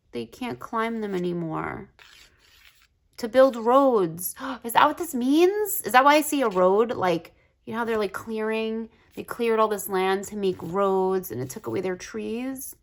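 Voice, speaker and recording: A woman casually flipping through a tarot deck on her channel, gushing and chatty, full of "like" fillers, with soft asides that drop to a whisper. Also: a little high, normal speed. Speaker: tarot video creator.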